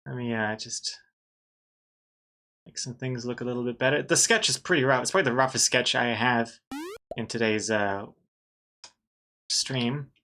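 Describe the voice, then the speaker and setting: Talking to chat as he draws on stream, a livestreaming artist in his thirties keeps things chatty and self-mocking. He has a mid-range, pushed, bright voice at a moderate pace, with frequent pauses.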